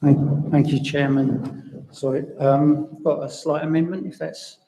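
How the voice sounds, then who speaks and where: Gravelly-voiced male councillor in an echoey chamber. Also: on the high side, level tone, measured pace, dark tone. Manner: hesitant, apologetic restarts. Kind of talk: speaking at a council meeting.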